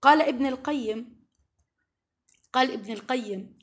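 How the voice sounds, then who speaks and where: Female preacher, high voice, earnest and pleading, builds to emphatic peaks. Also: moderate pace. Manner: earnest and pleading, coaxing asides and rising emphasis. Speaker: preacher addressing women. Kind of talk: religious lesson to women.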